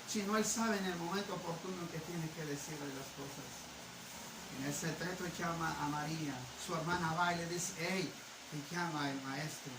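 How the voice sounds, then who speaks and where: A man preaching a sermon, moving from calm teaching into repeated, shouted fervent phrases. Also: high voice. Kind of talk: Pentecostal-style sermon. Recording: echoey hall, preacher far from the mic, noisy.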